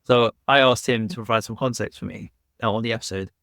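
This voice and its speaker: Easygoing male podcast host, low voice. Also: fairly even intonation, fast talker, gravelly, fairly bright tone, no echo, studio quality. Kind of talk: podcast interview.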